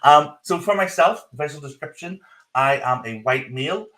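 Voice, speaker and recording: A man's voice: on the high side, animated, moderate pace, fairly bright tone. A man with a strong Northern Irish accent, hosting a live podcast in a casual, chatty style. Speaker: podcast host. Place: office. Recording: roomy echo on the voice.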